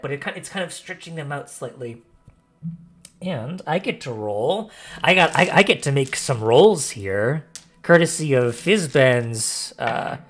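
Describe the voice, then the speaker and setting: A man running a tabletop fantasy game as game master, improvising narration and often repeating and rephrasing as he describes. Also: fairly high pitch. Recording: music playing behind the voice. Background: background music.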